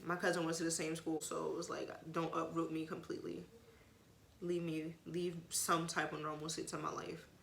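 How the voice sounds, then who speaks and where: Woman vlogging about her life, blunt and sweary, bright forceful voice, roomy echo. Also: low voice, completely flat delivery, normal speed, vocal fry, a little hiss or hum. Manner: frank, profane, emotional, rambling. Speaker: vlogger sharing personal story. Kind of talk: casual storytelling, guided meditation talk.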